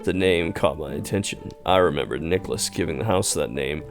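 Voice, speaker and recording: A man's voice: low-pitched, faint music behind. A young man playfully reading game narration aloud while streaming. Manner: playful, quick to laugh.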